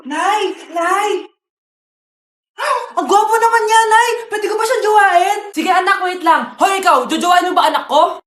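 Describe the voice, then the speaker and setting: A woman acting out comedic skits and playing every character herself, often breaking into shouts. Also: very high voice, unhurried, reverberant.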